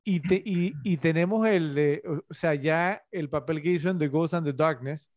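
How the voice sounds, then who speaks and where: A man's voice: on the high side, normal speed, a little mellow, no room sound. A man co-hosting a casual film podcast, opinionated and quizzing his co-hosts. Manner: opinionated, questions the others. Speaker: podcast co-host.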